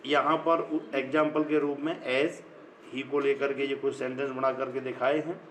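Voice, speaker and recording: A middle-aged man with an Indian accent, a school teacher giving an online grammar lesson in slow, dictation-like phrases, switching between English and Hindi. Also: mid-range voice, little pitch movement, a bit bright, a little hiss or hum, poor audio.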